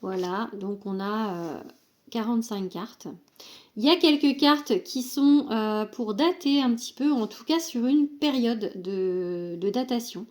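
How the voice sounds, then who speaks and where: A woman's voice: fairly high pitch, a little slow, darkish tone. A young woman casually presenting an oracle card deck, hesitant with many fillers, reading card texts aloud.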